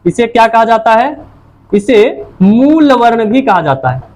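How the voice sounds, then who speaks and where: A woman's voice: on the high side, very animated, a little slow, a little mellow. A woman teacher giving a lecture, asking her own questions and answering them, and repeating each key point. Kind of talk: classroom-style lecture.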